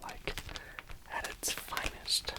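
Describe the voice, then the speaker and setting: A man speaking in a breathy, unvoiced whisper for fast aggressive ASMR, chatting casually to the viewer close to the microphone. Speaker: ASMR creator, host. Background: tapping, clicking and crinkly gripping sounds.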